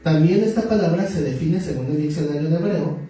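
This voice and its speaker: A man's voice: fairly high pitch, a little fast, mellow. A male pastor, preaching a sermon in a conversational, joking way and asking the audience questions. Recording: very echoey hall, far from the mic, faint noise.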